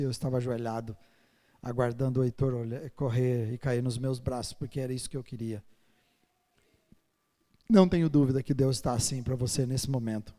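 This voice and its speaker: Older pastor preaching in a hall. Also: male voice, mid-range voice. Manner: swings from soft and intimate to loud and emphatic. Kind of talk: sermon. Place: church sanctuary. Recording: long reverb of a church hall.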